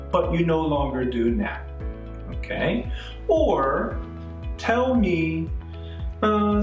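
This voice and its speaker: A middle-aged man from Canada teaches English grammar with an unhurried, patient manner, circling back to his examples and checking in often. His voice sits somewhat high and moves a lot in pitch. He sounds a bit away from the mic in an echoey room, with faint music underneath. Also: far from the mic. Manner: patient, repeats points, frequent "okay?" and "right?" checks. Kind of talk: classroom-style grammar lesson.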